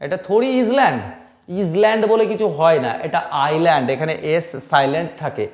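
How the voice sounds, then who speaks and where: In an echoey room, a man from Bengal runs a pronunciation lesson in English, his slightly high voice full of lively intonation. Every word gets repeated slowly and with emphasis as a drill.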